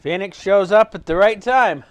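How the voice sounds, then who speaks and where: A man's voice: sits high, normal speed, dry recording. A man streaming a video game, making chatty, amused asides. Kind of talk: let's play commentary.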